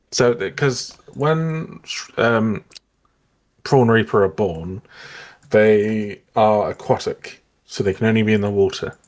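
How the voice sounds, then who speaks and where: A man's voice: lowish voice, darkish tone. A man streaming as a game developer, talking casually and hesitantly with many fillers, joking with his co-host. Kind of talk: casual livestream chat.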